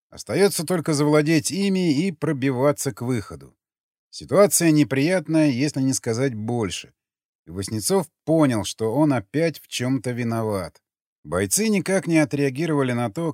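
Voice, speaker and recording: Casting: male audiobook narrator, animated delivery, dry booth sound. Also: medium pitch, no room sound. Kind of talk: scripted narration.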